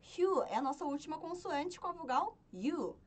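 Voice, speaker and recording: Patient woman teaching, lively high voice. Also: normal speed. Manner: patient, repeats and checks with "certo?". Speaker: Korean language teacher. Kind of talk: spoken lesson, chanting syllables.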